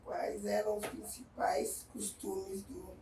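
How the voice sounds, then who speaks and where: A woman interviewer puts short, gentle questions from a distance. The room sounds echoey and roomy, and a clear layer of background noise runs underneath. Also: mid-range voice, little pitch movement, takes it slowly.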